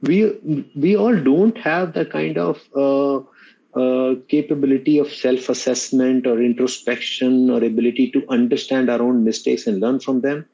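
Indian guy, middle aged, mellow kinda creaky voice, earnest interview advice, repeats stuff for emphasis. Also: medium pitch, steady tone, moderate pace, muffled recording. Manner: earnest, emphatic repetition of words and phrases. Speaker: podcast guest, mentor to students.

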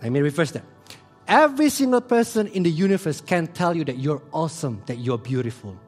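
A man preaching a sermon who swings between hushed and loud delivery. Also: fairly high pitch, expressive, fairly quick, faint music behind. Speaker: pastor.

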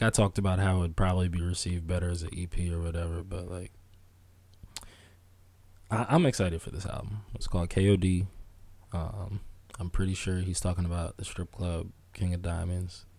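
A man's voice: deep voice, level tone, normal speed, vocal fry, long pauses, a little mellow, no echo. A young man co-hosting a podcast, telling stories in a laid-back, slangy way. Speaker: podcast co-host. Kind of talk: casual chat.

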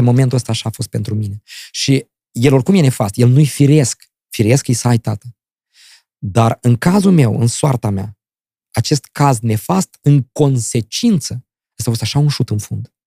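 A man's voice: medium pitch, no room sound, studio quality. A middle-aged man, an actor speaking as a guest in a casual interview, telling stories animatedly and acting out the dialogue. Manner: animated storyteller who acts out dialogue.

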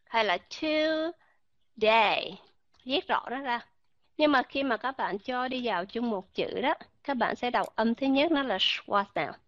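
Higher-voiced woman teaching pronunciation. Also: fairly bright tone, dry recording, muffled recording. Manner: patient, repeats words slowly to model sounds. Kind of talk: online pronunciation lesson.

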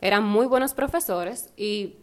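A young woman, co-hosting a casual podcast and telling animated school stories with frequent laughs. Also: mid-range voice, measured pace. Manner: storytelling, animated, laughs often. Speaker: podcast co-host. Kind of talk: casual chat.

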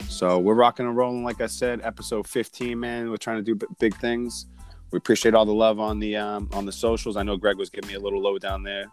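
A man hosting a casual sports podcast in slangy hype-man style, his voice hoarse from yelling and cheering. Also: fairly low pitch, flat delivery, fast, faint music behind. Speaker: podcast host.

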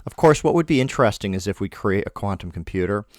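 A man's voice: fairly low pitch, expressive, fast talker, darkish tone, no room sound, clean studio sound. A man chatting casually on a podcast, rambling and laughing easily. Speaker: podcast host.

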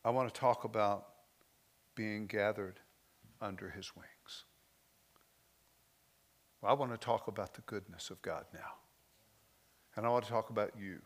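A man preaching a sermon, moving between slow, emotional lines with soft drops and loose, conversational asides. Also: lowish voice. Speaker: pastor.

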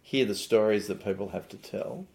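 An Australian man from Newcastle hosting a conversational podcast interview, friendly and a little halting, often repeating words. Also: fairly low pitch, creaky, a little mellow. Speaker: podcast host, politician.

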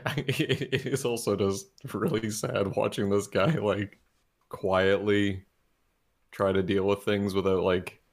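Slow and steady with a lowish voice, he co-hosts a laid-back podcast reviewing movies. He tends to ramble, restarting sentences and laughing a lot.

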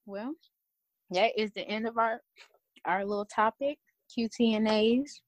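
A woman's voice: a little high, measured pace, no room sound. A woman hosting a casual group podcast, laughing often. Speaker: podcast host.

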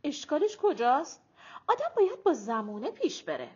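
A woman reading an audiobook, voicing a coquettish, sharp-tongued older grandmother in quick, lively retorts. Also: high-pitched, voice pushed up. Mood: teasing. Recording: dull lo-fi audiobook recording.

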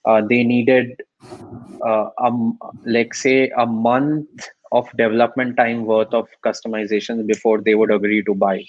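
A man's voice: mid-range voice, little pitch movement, unhurried, dry recording, muffled recording. A man with an Indian accent telling stories conversationally as a startup founder in an interview.

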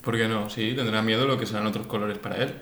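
A man's voice: on the low side, steady tone, fast, fairly bright tone. A man co-hosting a casual comedic podcast, throwing in dry quips and playful teasing. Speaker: podcast co-host. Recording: echoey room, faint noise.

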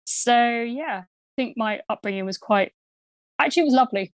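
A university archaeologist in her thirties from Essex, England, with an Essex accent, chats casually as a podcast guest. Her slightly high voice moves at a moderate pace on a dry recording, playful and self-deprecating.

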